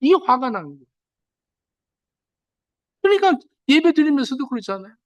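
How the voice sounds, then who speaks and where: Animated male pastor with lively, swooping voice. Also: very high-pitched, normal speed, no room sound, dull audio. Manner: animated, acts out quoted speech in changed voices. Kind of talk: sermon.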